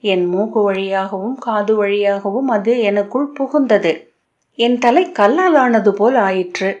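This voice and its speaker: A woman's voice: mid-range voice, unhurried, darkish tone, lightly acted. A woman reading the lines of a dazed young male disciple, who recounts a strange night in a bewildered, dreamlike way, on a dull lo-fi recording. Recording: dull lo-fi audio.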